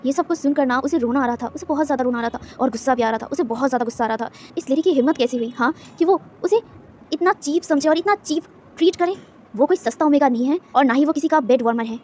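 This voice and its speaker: Woman narrator, fan fiction story, emotive, repetitive, quick, slightly high voice. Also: darkish tone, a little hiss or hum.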